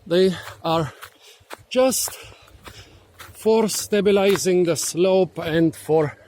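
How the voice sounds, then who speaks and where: A man with a slightly high voice narrates as he walks outdoors, out of breath and a little tired. He talks slowly and thinks aloud, trailing off and restarting his sentences. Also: darkish tone, a little hiss or hum. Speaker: vlogger. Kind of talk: casual walking vlog narration. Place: outdoors in a tropical botanic garden.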